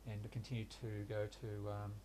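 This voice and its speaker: Slight background noise accompanies an older man telling his life story in a reflective interview. Born in Hungary, raised in Australia and a native Hungarian speaker, he is in his sixties. His voice is on the low side, flat and even, and his delivery is halting, hesitant and full of pauses and restarts.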